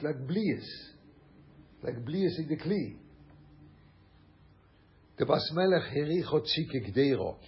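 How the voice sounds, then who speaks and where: A man's voice: medium pitch, muffled recording. A man from Switzerland teaching a Torah class, talking animatedly, repeating phrases and mixing in Yiddish and German words. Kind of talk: Torah lecture.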